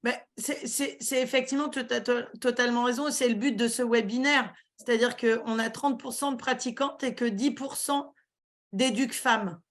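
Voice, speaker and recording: A woman's voice: a little high, fairly even intonation, normal speed. French-speaking woman, hesitant webinar talk. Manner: hesitant, many fillers and restarts. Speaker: guest speaker.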